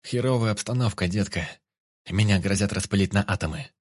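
A man voicing a brash, cornered male fugitive who talks roughly and mockingly. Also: fairly low pitch, a little fast, lightly acted.

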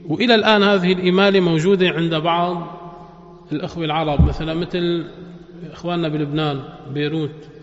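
A man's voice: fairly high pitch, fairly even intonation, fast talker. A man, a sheikh giving a religious lesson who asks listeners rhetorical questions and chants verses melodically. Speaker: sheikh teaching Quran exegesis. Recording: echoey hall, dull lo-fi sound.

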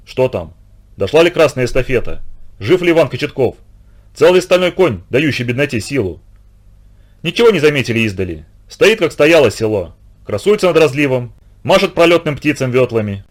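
A man reading a story aloud in a steady, expressive audiobook narration. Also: medium pitch.

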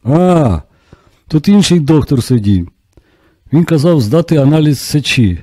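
A man voicing a half-deaf old village grandmother who shouts in an audiobook. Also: on the high side, sing-song, unhurried, dry recording, studio quality, pitched above the performer's own voice. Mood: loud. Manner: shouting, hard of hearing.

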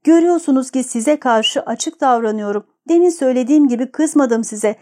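A woman reading a gentle, torn young woman. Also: sits high, normal speed, voice pushed up. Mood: hesitant.

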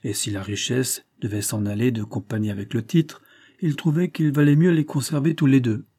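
Male narrator for a classic storybook; even, measured, husky voice. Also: mid-range voice. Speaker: audiobook narrator.

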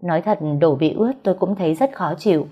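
A woman's voice: lowish voice, fast talker, warm tone, husky. Woman narrating a story over faint music. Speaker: audiobook narrator.

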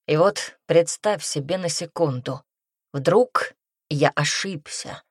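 A woman's voice: sits low, slow pace, breathy edge, dry recording, clean studio sound, full character voice. A woman voicing a male prince who speaks steadily and urges the heroine on with commands. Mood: earnest.

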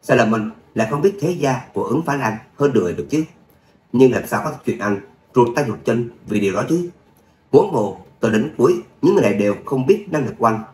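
A man's voice: medium pitch, a little fast. A man who chats casually with his listeners and then reads a serialized story, in a roomy recording with a faint hum. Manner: chatty, with filler words, then a steady reading. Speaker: audio story narrator.

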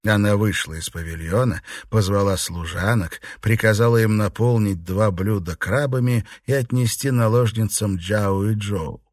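In a measured, even storytelling manner, a man narrates a classic novel as an audiobook. His voice is fairly low, and the recording is dry and studio quality.

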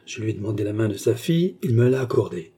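A man reading aloud as a scheming, smooth-talking English baronet who speaks with courteous self-assurance. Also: on the low side, animated, fast, warm tone. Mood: persuasive.

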